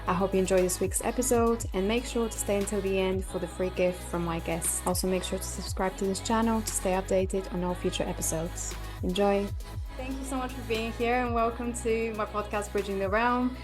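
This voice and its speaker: Woman from bulgaria hosting a podcast, halting with lots of ums, soft music under her. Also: mid-range voice, fairly even intonation. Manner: hesitant, many fillers and restarts. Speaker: podcast host. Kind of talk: casual podcast interview.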